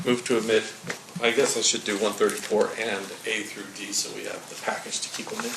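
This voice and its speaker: A man's voice: on the low side, flat delivery, a little fast, gravelly. A man working as a prosecutor, questioning a witness in a courtroom methodically with frequent "uh" and "um", heard in a courtroom recording. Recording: echoey courtroom recording with background noise.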